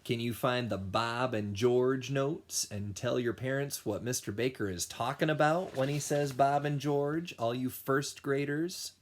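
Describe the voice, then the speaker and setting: A music teacher, a man with a mid-range voice, reads a picture book aloud to young children, performing it expressively with dramatic pauses.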